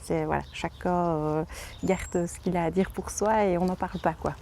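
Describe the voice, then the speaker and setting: A woman's voice: lowish voice, steady tone, normal speed, darkish tone. A woman in her late twenties from Liège with a Belgian French accent, telling her life story hesitantly, with many fillers and restarts. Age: 20s. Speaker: interviewee, home nurse. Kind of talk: casual personal storytelling. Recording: faint background noise.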